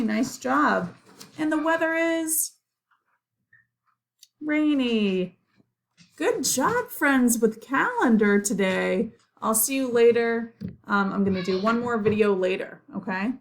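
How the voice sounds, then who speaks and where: Kindergarten teacher voice, woman going really slow n encouraging, repeats stuff for little kids, bit gravelly. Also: on the high side, animated. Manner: encouraging, simple repeated phrases with pauses for answers. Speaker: kindergarten teacher leading calendar time. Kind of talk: children's lesson in sing-song kindergarten teacher voice.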